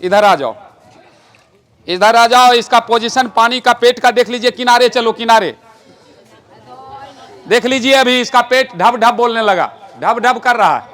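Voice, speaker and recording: Speaking slowly with frequent pauses, a stage magician and rationalist speaker performs a live magic demonstration with explanatory talk, joking and issuing orders to a boy and the audience. His voice is extremely high and a bit bright, with some chatter in the background.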